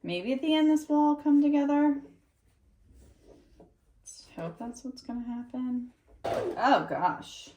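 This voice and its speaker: A woman's voice: sits high, expressive, slow, long pauses, warm tone, reverberant, slight background noise. A woman sewing at home, thinking aloud in a casual, unsure way and trailing off. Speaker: sewing vlogger. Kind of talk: casual muttering while sewing.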